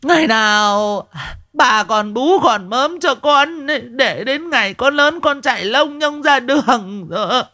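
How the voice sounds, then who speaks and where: A man voicing a foul-mouthed old village woman who hurls rapid-fire curses and drawn-out wailing laments. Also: very high-pitched, lively intonation, pushed and bright, pitched above the performer's own voice, heavily acted.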